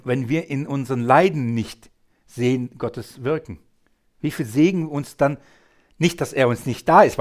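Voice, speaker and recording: Man preaching a Bible teaching sermon; emphatic, mid-pitched, quizzes the congregation with rhetorical questions. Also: darkish tone.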